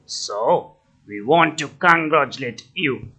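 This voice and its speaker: A man's voice: mid-range voice, animated, slow pace, bright, forceful tone, heavily acted. A man voicing a teasing sea crab in a school puppet show. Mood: mocking. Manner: mocking, teasing.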